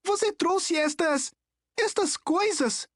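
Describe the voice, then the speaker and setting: A woman's voice: very high voice, takes it slowly, dry recording, pitched above the performer's own voice. Young boy screaming near tears, voiced by a woman, Brazilian accent, bitter, dry close sound. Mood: accusing. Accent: Brazilian Portuguese. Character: furious grieving young boy, bitter and wild.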